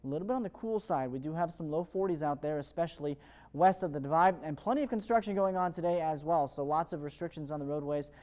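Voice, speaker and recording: An American television meteorologist presents a morning TV weather forecast in a fairly high, slightly mellow voice. He speaks quickly and fluently in an upbeat, polished presenter's style, moving briskly from one point to the next.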